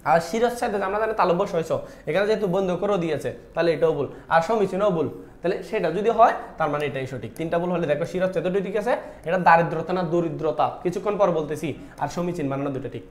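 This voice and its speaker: A man teaching a live online class, talking straight to the students and answering his own questions. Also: high voice. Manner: talks to students directly, repeats "dekho" often; asks questions and answers them himself. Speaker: online Bangla admission-test teacher. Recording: echoey room.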